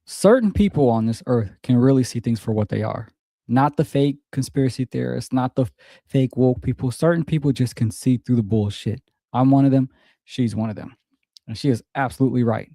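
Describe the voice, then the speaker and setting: A man's voice: medium pitch, brisk, warm tone, no room sound, clean studio sound. A man streaming and reacting to clips, talking in a laid-back, rambling, profane way and often repeating himself. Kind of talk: casual reaction commentary.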